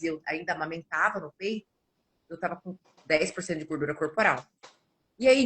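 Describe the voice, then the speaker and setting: In a casual podcast chat, a nutritionist in her forties shares personal stories with a husky, medium-pitched voice. She's animated and acts out the quoted dialogue.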